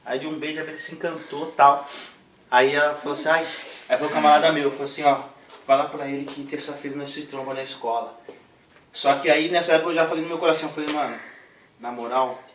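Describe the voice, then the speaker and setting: A young man giving an animated, slangy spoken testimony in a church setting. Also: a little high, quick pace. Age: young adult. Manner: slangy, animated storytelling with voiced impressions. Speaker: testimony giver. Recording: echoey room, distant mic, noisy.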